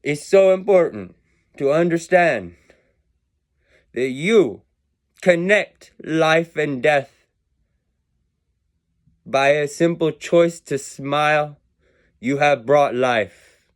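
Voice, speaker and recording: Slow, lilting man musing aloud. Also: a little high, expressive. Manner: meandering, self-mocking, drifting in and out of a put-on accent. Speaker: video creator musing on numbers and words. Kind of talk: rambling philosophical monologue.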